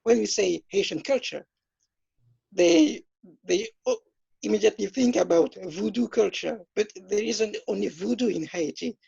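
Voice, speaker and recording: Man, twenties, from France, hesitant speech, fillers, husky, lo-fi dull audio. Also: high-pitched, expressive, moderate pace, warm tone, dry recording. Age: 20s. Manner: hesitant, many fillers and restarts. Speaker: interview guest. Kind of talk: self-introduction in an interview. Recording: dull, lo-fi dry sound.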